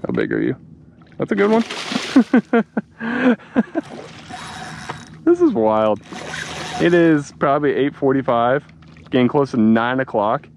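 A young man hosting a fishing vlog from a small boat at dusk, chatting casually and excitedly, saying "dude" a lot. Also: medium pitch, takes it slowly, vocal fry, pauses often, background noise. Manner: excited, laid-back, says "dude" a lot. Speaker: fishing channel host. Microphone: action camera mounted on cap.

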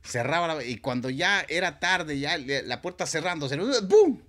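A man casually telling a personal story on a stream, acting out the dialogue with lively voices. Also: a little high, normal speed. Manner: animated, acts out dialogue with voices.

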